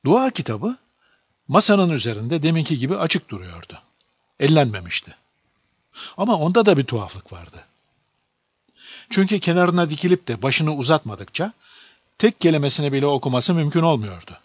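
A man narrating a children's storybook aloud in a lively, expressive reading. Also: fairly high pitch, moderate pace, pauses often, breathy edge, dry recording. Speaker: audiobook narrator. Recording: dull lo-fi dry recording.

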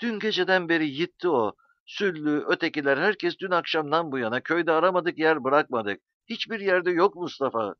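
A man reading an audiobook voices a frightened, grieving village wife, raised high and pleading, with a dull, lo-fi sound. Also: sing-song, fairly quick, no echo. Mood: tearful. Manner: tearful, pleading, high-pitched.

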